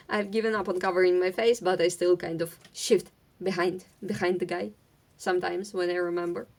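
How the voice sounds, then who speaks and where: A young Ukrainian woman vlogger with a Ukrainian accent chats and rambles at home as she sorts craft supplies, halting with lots of fillers, restarts and an occasional stutter. Her voice is fairly low and darkish, with fairly even intonation.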